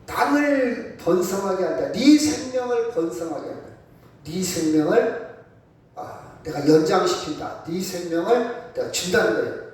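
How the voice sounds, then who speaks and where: A male pastor delivers a sermon in a high, animated voice. He keeps quizzing his listeners and hammers single words again and again. The sound is roomy and distant, booming around a church sanctuary. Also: a little slow. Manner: rhetorical questions to the congregation, repeats key words. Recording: echoey church hall from far off.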